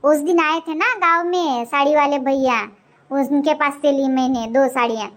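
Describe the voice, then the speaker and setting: Cartoon casting: a woman as a breezy young daughter-in-law, very high and chatty. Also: steady tone, normal speed, fairly bright tone. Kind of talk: comic cartoon voice acting.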